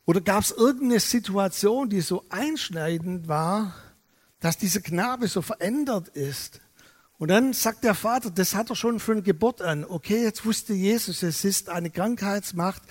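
A man preaching a sermon, telling stories lively and acting out the dialogue. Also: high-pitched, long reverb tail. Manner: lively storytelling, acts out dialogue. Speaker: pastor.

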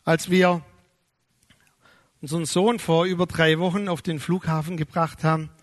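A middle-aged pastor preaching with a high, light voice that rises and swells as he drives his points home. He slows down on key words for emphasis and acts out the people he quotes. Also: level tone. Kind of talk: sermon.

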